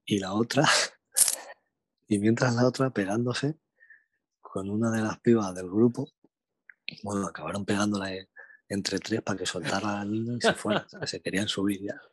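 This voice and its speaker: A young man from Spain with a Spanish accent, telling a slangy, animated anecdote in casual chat. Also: on the low side, moderate pace, pauses often, slightly rough, no echo. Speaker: storyteller.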